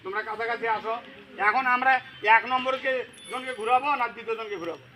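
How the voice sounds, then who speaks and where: A male English teacher drilling children in a classroom, loudly firing the same questions again and again in call-and-response. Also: extremely high pitch, fairly even intonation, fast. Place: busy classroom full of children. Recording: loud noisy crowd of children.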